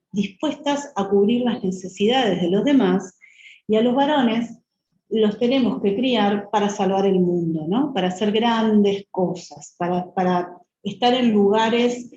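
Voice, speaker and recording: A woman with a Uruguayan accent giving a lecture talk, measured and thoughtful, often adding rhetorical tag questions. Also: medium pitch, dark tone. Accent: Uruguayan Spanish. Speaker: guest speaker. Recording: echoey, muffled room recording with faint hiss.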